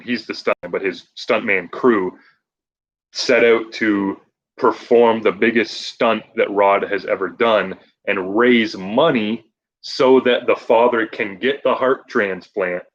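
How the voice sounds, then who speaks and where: A man's voice: fairly low pitch, muffled recording. Laughing man chatting casually about movies. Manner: laughs often, rambling with restarts. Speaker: movie recommender. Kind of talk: casual chat.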